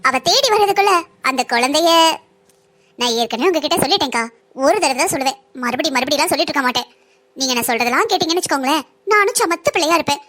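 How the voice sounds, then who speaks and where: A woman's voice: high-pitched, animated, racing, a bit bright. A woman playing a scheming cartoon villainess. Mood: taunting. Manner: sly, taunting, mocking politeness. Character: scheming young woman who swapped a baby, gloating. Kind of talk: cartoon voice acting.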